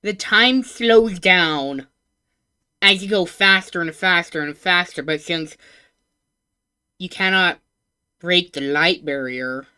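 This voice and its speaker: A woman VTuber giving casual live reaction commentary in a cute anime-streamer manner, excitable and informal, swearing and thinking out loud. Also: fairly low pitch, slow pace, long pauses, clean tone.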